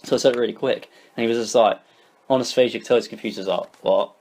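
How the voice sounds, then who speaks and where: A young British man co-hosts a casual football podcast. He talks very fast and piles on restarts as he tells his story. His pitch sits at an ordinary middle level for a man. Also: slight background noise. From Britain. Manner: rapid, animated storytelling with many restarts. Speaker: podcast co-host. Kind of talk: casual chat.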